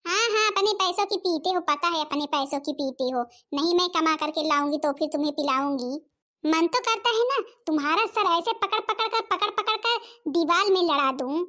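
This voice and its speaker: A woman voicing an angry, sharp-tongued young daughter-in-law in a cartoon, scolding and snapping. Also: very high-pitched, normal speed, few pauses. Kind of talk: Hindi cartoon voice acting.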